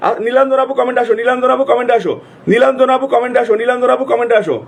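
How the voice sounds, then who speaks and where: Very high, rapid-fire live host. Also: male voice, fairly even intonation. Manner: repetitive, urgent calling out of names. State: sore throat. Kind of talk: live stream shout-outs.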